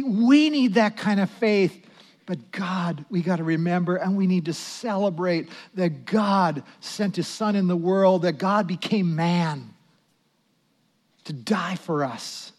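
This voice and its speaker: A male pastor delivers a sermon in a high-pitched voice. He speaks slowly and deliberately. His delivery swings from loud emphasis to quiet, prayerful asides.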